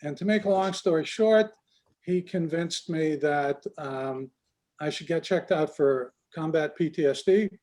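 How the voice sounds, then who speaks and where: A business coach in his sixties, born in Israel and raised in Canada, shares his life story as a conversation guest, unhurried and reflective. His voice is a little higher than most men's, and he often pauses to search for words, filling gaps with soft hesitations and many fillers.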